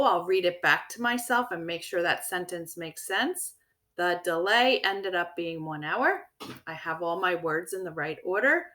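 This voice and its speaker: A woman teacher talks young pupils through a word lesson in a bright, clear voice. She speaks slowly and patiently, and her pitch rises and falls a lot as she explains. She checks in often to keep the children following. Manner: slow, clear, encouraging teacher talk with checking questions. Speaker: elementary school teacher. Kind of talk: recorded vocabulary lesson for children.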